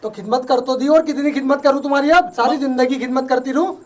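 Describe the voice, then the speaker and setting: A performer playing a sharp-tongued young daughter-in-law in a comedy sketch, brash and dismissive. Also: high voice, quick pace, natural voice.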